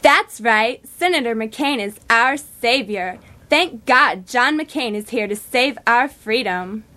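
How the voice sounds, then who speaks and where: A woman's voice: a little high, expressive, slow pace, sharp tone, heavily acted. A woman playing a gushing, fawning young college student in a comedy sketch.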